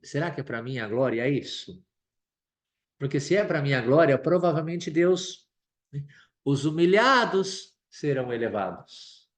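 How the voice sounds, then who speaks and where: A priest with a Brazilian Portuguese accent preaches a sermon in a fairly high voice. He is lively and acts out prayers and quotes in shifting voices as he teaches. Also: unhurried.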